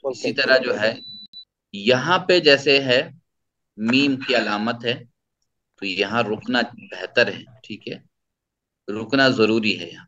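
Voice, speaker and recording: Male tajweed teacher, patient, repeats himself; bright tone, muffled lo-fi recording. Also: medium pitch, long pauses. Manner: patient, explains and repeats points. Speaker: Quran recitation teacher. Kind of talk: tajweed lesson with recitation.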